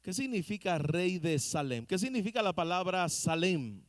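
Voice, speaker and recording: A man's voice: sits high, big pitch swings, normal speed, no echo, clean studio sound. A man preaching a sermon as pastor, speaking straight to his listeners and asking the congregation questions. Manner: asks the congregation rhetorical questions; addresses listeners directly and earnestly. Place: church.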